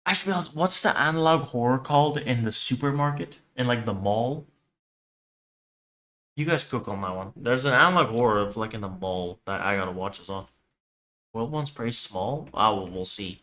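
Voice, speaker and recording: This livestream host reacts to horror videos, bantering casually with viewers in a blunt, teasing way, swearing at times and reading on-screen text aloud at others. His mid-range voice is expressive and sharp in tone, at a moderate pace.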